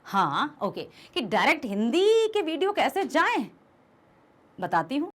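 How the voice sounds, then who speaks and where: A young woman teaching a revision class in a high, lively voice that rises and falls a great deal. She keeps asking her students questions and explains things patiently, now and then calling them "beta". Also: measured pace. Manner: addresses students affectionately as "beta". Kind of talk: Hindi class revision lesson.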